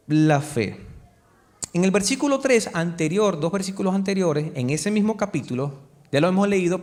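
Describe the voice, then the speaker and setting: A male pastor preaching a sermon to a church congregation, drawing answers from the listeners with questions and stretching key words slowly for emphasis. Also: high-pitched. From Chile. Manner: call-and-response preaching, asks the congregation to answer.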